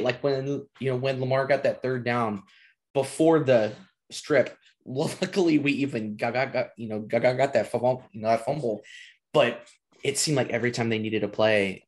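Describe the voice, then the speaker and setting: A man's voice: medium pitch, moderate pace. Male podcast host, casual chat, frustrated rambling, mid-range voice.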